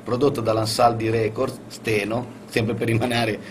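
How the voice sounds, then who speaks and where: A man's voice: fairly low pitch, flat delivery, moderate pace. Bantering man with faint background noise. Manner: bantering, joking. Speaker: radio show co-host. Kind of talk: casual chat.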